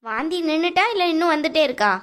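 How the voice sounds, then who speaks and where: A nagging middle-aged mother-in-law from a cartoon, voiced by a woman, always scolding and mocking. Her voice sits high. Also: animated, quick pace, a bit bright. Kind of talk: cartoon voice acting.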